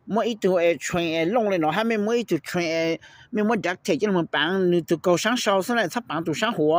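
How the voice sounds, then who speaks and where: Rambling higher-voiced man, dry close sound. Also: no echo. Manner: rapid, rambling, keeps checking in with "okay?" and slips in English phrases. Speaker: host. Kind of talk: casual explanatory talk to viewers.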